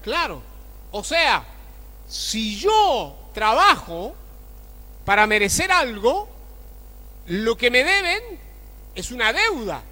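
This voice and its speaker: A high-voiced male pastor preaches in a lively, sharp tone. He keeps asking his congregation rhetorical questions, and his voice rings through a church hall with long reverb. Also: takes it slowly, long pauses. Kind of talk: sermon.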